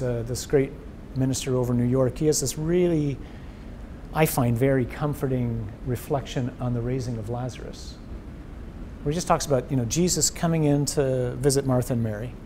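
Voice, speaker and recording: This is a man acting as priest and host of a conversational talk on faith, speaking with a warm, mellow voice. Earnest and animated, he keeps restarting phrases while working out his thoughts. The indoor recording, made in front of a wall of memorial crosses, carries a faint rumble.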